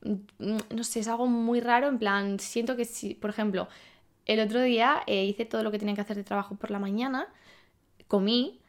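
A woman's voice: fairly high pitch, steady tone, moderate pace. A woman in her twenties from Spain, hosting a podcast and talking casually about her life, thinking aloud with many fillers and questions to herself. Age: 20s. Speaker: podcast host. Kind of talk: casual monologue.

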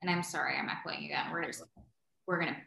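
A woman's voice: low-pitched, steady tone, fast talker, gravelly, sharp tone. A woman riding trainer chatting casually over a video call, her audio carrying an echo, rambling and often restarting her sentences. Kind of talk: casual chat. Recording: echoey roomy sound.

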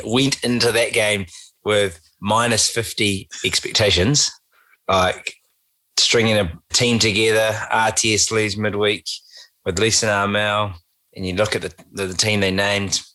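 Low, bright-voiced New man. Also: fairly even intonation, measured pace, low-quality recording. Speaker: podcast panelist. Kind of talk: casual sports chat and commentary.

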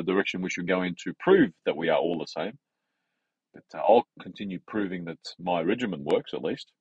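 A man's voice: sits low, slightly rough, dry recording, lo-fi sound. A man, a health advisor talking in a rambling, hesitant monologue full of fillers and restarts. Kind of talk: casual monologue.

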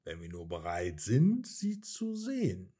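A cheerful, gentle young woman from a children's storybook, speaking softly and reassuringly, as a male narrator puts her on. Her tone is soothing and patient, with a husky edge. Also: deep voice, huge pitch swings, unhurried, pitched below the performer's own voice, full character voice.

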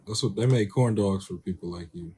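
A man's voice: fairly low pitch, fairly quick, mellow, slight background noise. A young adult man talking casually as a co-host, in a laid-back, slangy way. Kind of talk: casual couple chat.

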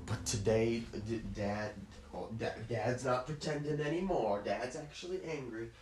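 A man voicing a fed-up middle-aged father who flatly tells his family he is done pretending not to be angry. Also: medium pitch, a little slow, background noise, natural voice. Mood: bitter, angry.

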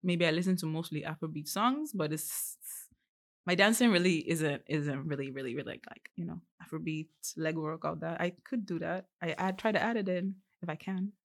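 A woman's voice: deep voice, moderate pace. A young woman, a podcast guest, chatting casually with lots of fillers and frequent laughs. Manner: laughs often, many "like" fillers. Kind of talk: casual chat.

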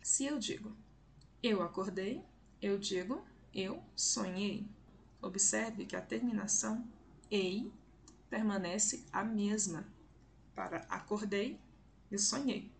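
A woman teaching a language class to learners, slow and carefully enunciated, repeating words to model pronunciation. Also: medium pitch, creaky, a little hiss or hum.

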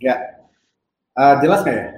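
A man's voice: mid-range voice, animated, measured pace, a little mellow, roomy sound. A man, talking casually as a business guest over an online call that keeps cutting out. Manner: loose, mixes in English words. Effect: choppy, breaking-up online call audio. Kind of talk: casual podcast chat.

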